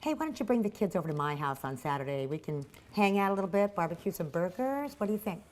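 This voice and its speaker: A woman playing a pushy, flirty office coworker in a training skit, loud and teasing. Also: lowish voice, big pitch swings, fast talker. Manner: loud, teasing, laughs often. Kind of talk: training video role-play.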